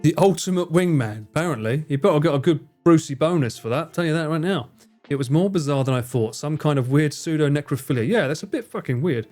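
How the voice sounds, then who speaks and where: Talking quickly with lively intonation, a young man plays a game on a live stream and keeps up a sweary, jokey banter with chat, laughing often. His voice sits on the high side and is a little mellow, and faint music plays in the background.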